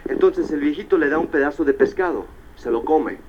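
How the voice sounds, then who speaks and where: Male motivational speaker, lively storytelling with English asides; slightly high voice, dull lo-fi live recording. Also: fairly quick. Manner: animated storyteller, peppers Spanish with English tags like "right?" and "all right". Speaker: motivational speaker at a business convention. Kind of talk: live motivational speech to an audience.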